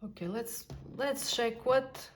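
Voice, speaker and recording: A woman giving an intuitive tarot reading, talking softly and musing aloud with sighs and pauses. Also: on the high side, a little hiss or hum. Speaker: tarot card reader.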